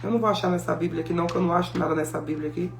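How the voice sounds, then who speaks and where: Woman preacher, animated storytelling, echoey room, faint music. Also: fairly low pitch, rapid-fire, creaky. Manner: animated storytelling, acting out biblical dialogue. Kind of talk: sermon.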